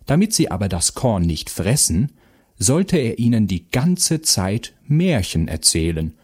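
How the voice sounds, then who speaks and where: A man narrating a children's fairy tale aloud in a slow, expressive storytelling manner. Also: lowish voice, slightly rough.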